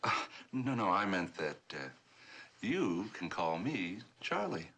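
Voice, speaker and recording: A man's voice: low-pitched, sing-song, takes it slowly, pushed and bright, exaggerated voice. An actor playing a bumbling, deferential police sergeant in a 1970s TV crime drama, fumbling his words.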